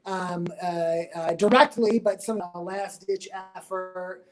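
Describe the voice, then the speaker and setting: A man speaking as a remote guest over a video call whose connection keeps breaking up and stuttering, so his speech comes out halting, full of fillers and dropped words. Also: high-pitched, steady tone, low-quality recording. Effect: choppy buffering connection that breaks up and stutters. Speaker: remote guest on election coverage. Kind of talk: live video-call commentary.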